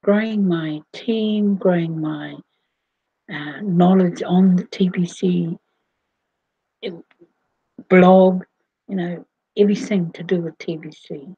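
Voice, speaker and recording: A woman, talking slowly to her viewers in a rambling way, with many fillers and restarts. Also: fairly low pitch, steady tone, muffled recording. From New Zealand. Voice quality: husky. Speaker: vlogger. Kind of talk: casual monologue to camera.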